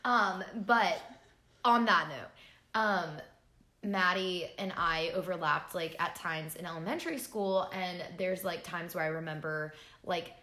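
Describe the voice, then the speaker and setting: Bright-voiced chatty woman in her twenties. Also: fairly low pitch, unhurried, echoey room. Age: 20s. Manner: chatty, lots of "like", laughs easily. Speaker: podcast co-host. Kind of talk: casual chat over wine.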